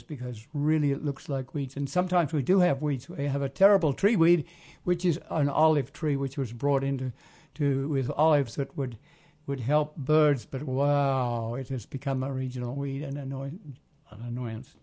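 A man hosting a casual community radio talk, rambling and often pausing to search for words. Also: mid-range voice, dark tone. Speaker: radio show host.

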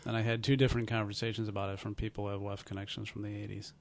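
A man announcing on community radio in the informal, low-key manner of a public access TV host. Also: level tone, very fast, gravelly. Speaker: board operator and co-host.

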